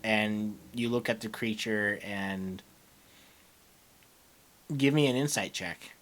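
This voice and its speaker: A man's voice: on the low side, slow pace, fairly bright tone. A man running a tabletop game as game master, hesitant with many fillers.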